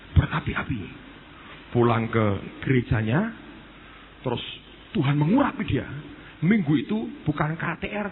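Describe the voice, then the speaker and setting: A man, a pastor preaching a sermon and telling stories with lively asides to the congregation. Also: mid-range voice. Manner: animated storytelling, addresses the congregation as "saudara". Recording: tinny phone-like sound with faint noise.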